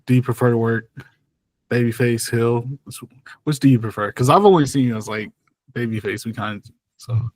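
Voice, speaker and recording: A man's voice: mid-range voice, moderate pace, a little mellow, no room sound. Casual podcast host losing his voice. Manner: casual, asks follow-ups with filler "like". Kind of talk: casual interview questions.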